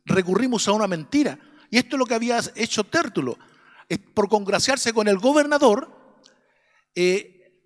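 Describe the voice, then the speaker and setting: A long reverb tail trails this high-pitched man's voice. Speaking with a Chilean accent, he leads an adult Sunday school class in a church classroom, preaching earnestly and repeatedly making sure the class agrees.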